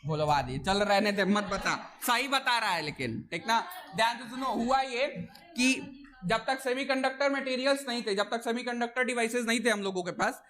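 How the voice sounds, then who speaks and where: Lecturing a physics class, a teacher with a very high, bright voice and forceful tone speaks at a moderate pace. His delivery is loose and conversational, peppered with repeated "theek na" checks and teasing or scolding of the students.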